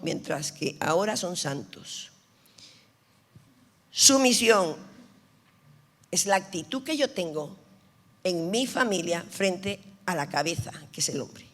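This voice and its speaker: A woman pastor preaching an animated sermon, telling stories and teasing her audience. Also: medium pitch. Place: large church hall. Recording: reverberant hall.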